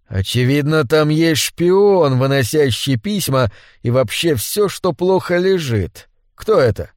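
A man's voice: on the high side, animated, unhurried, a little mellow, no room sound, clean studio sound. A man voicing a stubborn young man who keeps pressing blunt questions, in an audiobook. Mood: demanding. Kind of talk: audiobook character voice.

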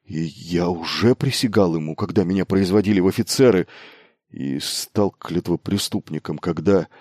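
A man voicing a frightened male ship engineer who talks in a halting, strained, despairing way. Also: sits low, darkish tone, no room sound, studio quality. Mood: flustered protest.

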